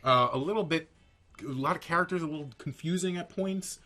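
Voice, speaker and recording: Bright-voiced rambling male podcast host. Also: fairly high pitch, fairly quick. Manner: goofy, rambling, animated. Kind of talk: casual stoner movie review chat.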